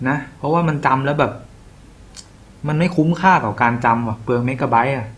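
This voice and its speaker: ติวเตอร์ชายพูดกันเองแบบพี่สอนน้อง. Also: male voice, medium pitch, a little fast. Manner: casual, slangy, talks to students as an older brother. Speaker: exam tutor. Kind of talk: casual exam-prep lesson.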